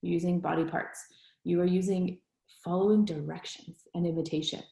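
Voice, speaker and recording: A woman's voice: lowish voice, steady tone, brisk, creaky, dark tone. A woman leading a staff training session, chatty and explanatory, who keeps checking in with her listeners as she goes. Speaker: staff trainer for child therapy. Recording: roomy echo with faint music.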